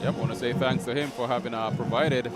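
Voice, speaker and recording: A man doing casual color commentary at a high school football game, easygoing and agreeable. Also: steady tone, brisk, over loud music. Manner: easygoing, agreeable, lots of yeps. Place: outdoor football stadium.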